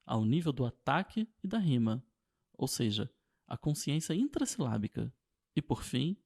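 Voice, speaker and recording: Gravelly man reading a lesson. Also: on the high side, a little mellow. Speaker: teacher. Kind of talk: scripted lesson narration.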